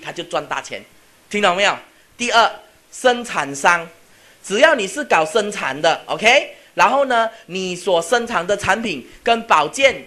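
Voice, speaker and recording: A man's voice: high voice, sharp tone. A man giving a motivational seminar lecture. He keeps checking that the audience is following and mixes English words into his speech. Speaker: seminar speaker.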